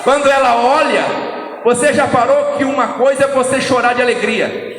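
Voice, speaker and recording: A man preaching a fervent sermon to a church congregation, often shouting. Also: very high-pitched, steady tone, moderate pace. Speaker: pastor. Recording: echoey church hall, crowd.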